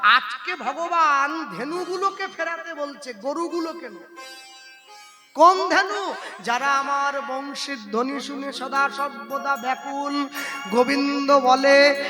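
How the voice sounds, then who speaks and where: A man's voice: very high voice, slow pace. A man with an Indian Bengali accent preaching at a kirtan, telling devotional stories, quizzing the audience and breaking into song. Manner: storytelling, quizzes the audience, laughs often. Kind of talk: devotional sermon with sung verses. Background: devotional instrumental music.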